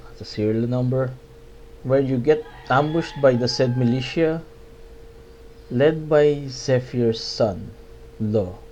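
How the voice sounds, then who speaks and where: A man's voice: medium pitch, dark tone, dull audio, a little hiss or hum. A man narrating a video essay that reviews a game, with dry sarcastic asides.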